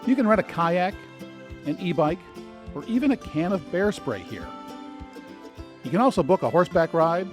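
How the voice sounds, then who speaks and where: A man's voice: high-pitched, lively intonation, normal speed, pauses often. A man narrating a travel video as a guide, scripted and informative, with dry, lightly sarcastic asides. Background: soft background music.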